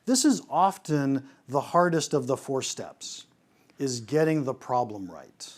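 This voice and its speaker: A pricing consultant gives a lively talk about pricing, posing rhetorical questions and frequently starting his sentences over. His voice sits in the mid range, and he speaks a little slowly.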